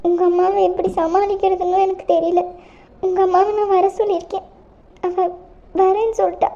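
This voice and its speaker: A woman voicing a gentle consoling aunt. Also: extremely high pitch, little pitch movement, fairly quick. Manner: soft, consoling. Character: kind middle-aged aunt, gentle, consoling. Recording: dull lo-fi recording.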